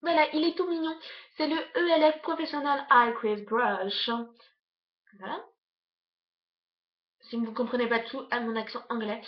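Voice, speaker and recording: A young woman, a beauty vlogger, rushing through a casual makeup haul on her bed at home, chatting with lots of fillers. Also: high-pitched, dull audio. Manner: hurried, chatty, many fillers. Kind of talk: casual product review.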